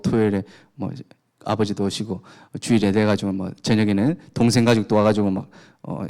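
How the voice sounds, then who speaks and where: Pastor preaching with rhetorical questions. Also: male voice, on the low side, darkish tone. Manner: rhetorical questions with emphatic rises; chatty, jokes about his home life. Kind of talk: sermon.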